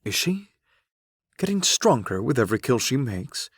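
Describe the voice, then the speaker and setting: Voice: medium pitch, big pitch swings, moderate pace, breathy edge, dry recording. An actor playing a guarded, wary male hunter in an audiobook, with clipped, brooding delivery. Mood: puzzled. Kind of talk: audiobook character reading. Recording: dry.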